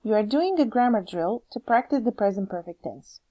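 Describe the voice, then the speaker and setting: A woman's voice: mid-range voice, animated, mellow. Woman with a Croatian accent explaining English teaching. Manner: measured, explanatory, reads examples aloud. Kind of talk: scripted instructional narration.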